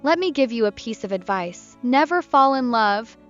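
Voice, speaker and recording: A woman's voice: a little high, lively intonation, normal speed. A woman voicing a talkative, heartbroken young woman camper who is tipsy and bitter. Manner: bright, chatty, bitter. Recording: muffled with soft music behind.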